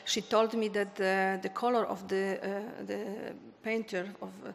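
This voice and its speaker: At a podium in a large conference hall, a woman who is an eye surgeon answers panel questions hesitantly, with many pauses, fillers, and non-native phrasing. Her mid-range voice is gravelly and level in tone. The podium microphone picks up long hall reverb and faint noise.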